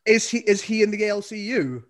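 A woman's voice: mid-range voice, animated, a little fast. A woman co-hosting a podcast in casual chat, swearing freely and laughing so hard she is near tears. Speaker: podcast co-host.

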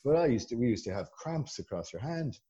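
Mellow west of Ireland man, chatting. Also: mid-range voice, sing-song, fairly quick, dull audio. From Galway, west of Ireland. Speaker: podcast guest. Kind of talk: casual conversational storytelling.

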